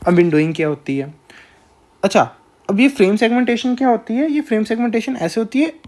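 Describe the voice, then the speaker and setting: Slow-spoken Indian man lecturing. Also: high voice, darkish tone. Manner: slow, measured, with frequent filler checks. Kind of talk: recorded lecture.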